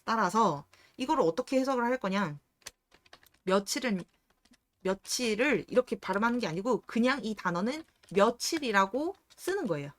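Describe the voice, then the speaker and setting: Lively woman teaching Korean grammar. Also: a little high. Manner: asks the viewer questions and answers them herself; repeats words slowly to demonstrate pronunciation. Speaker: reading and debate instructor. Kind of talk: explanatory Korean grammar lesson.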